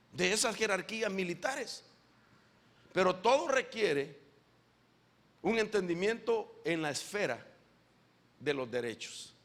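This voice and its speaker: Preacher, male, high and gravelly, bright edge, lively and animated sermon delivery. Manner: animated preaching, often calling listeners "brother"; asks the audience questions directly. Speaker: apostle preaching to a congregation.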